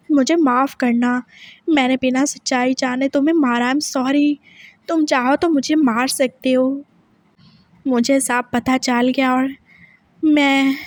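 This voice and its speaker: Woman doing intense husband guy, keeps pushing, high voice, dry close mic. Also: no room sound. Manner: pressing, repeats questions. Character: intense possessive young husband, man. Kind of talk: dramatic story reading.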